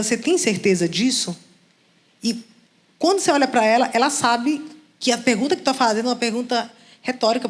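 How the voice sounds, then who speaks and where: A young adult woman pastor, telling a personal story in a conversational sermon and acting out the dialogue. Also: a little high. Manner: animated storytelling, acts out dialogue.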